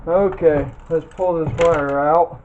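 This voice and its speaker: Slow and steady in tone, his voice a little high, a man hosts a video where he casually takes scrap metal apart by hand, thinking aloud in a folksy way. Faint clicks and noise sit under the dull lo-fi sound.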